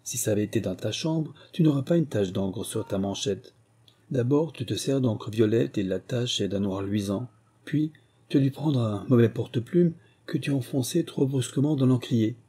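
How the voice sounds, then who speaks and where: A man reading an audiobook and voicing a clever, confident young Parisian woman who plays detective, in a brisk, teasing manner. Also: mid-range voice, dark tone, breathy edge, lightly acted. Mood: explaining. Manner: brisk, teasing, deducing aloud.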